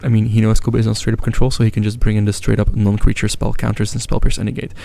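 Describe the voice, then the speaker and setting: A man's voice: fairly low pitch, flat delivery, racing, vocal fry, warm tone. A man commentating a live card game match, analytical, chatty and given to jokes. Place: event venue.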